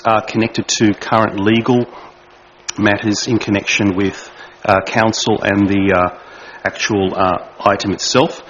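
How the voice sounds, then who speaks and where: A man, a councillor moving a motion hesitantly, with many pauses and fillers. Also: fairly low pitch, a bit bright. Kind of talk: formal meeting motion. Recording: dull lo-fi recording with faint noise.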